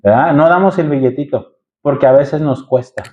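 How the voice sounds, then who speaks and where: A Mexican pastor leads his congregation through a sermon, calling them brothers and pressing them with rhetorical questions. He speaks at a moderate pace in a high, slightly mellow voice. The muffled, lo-fi recording sounds as if it was captured inside a church.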